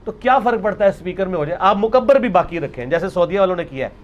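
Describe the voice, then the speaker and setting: A Pakistani religious lecturer with a slightly high voice speaks extempore in an informal lecture, building his argument point by point and explaining as he goes while dropping in English words. He is animated and racing, and the sound is lo-fi.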